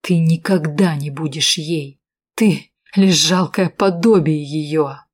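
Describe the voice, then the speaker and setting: A woman's voice: sits low, slow pace. A woman reading an audiobook, voicing an irritable hard-drinking man who hisses threats through his teeth. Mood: angry, menacing.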